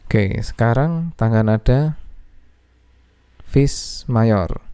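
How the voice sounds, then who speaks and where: A man's voice: mid-range voice, expressive, extremely slow. A man teaching music theory, patiently naming notes one by one and checking in with "ya". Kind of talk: explaining music theory lesson. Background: piano playing.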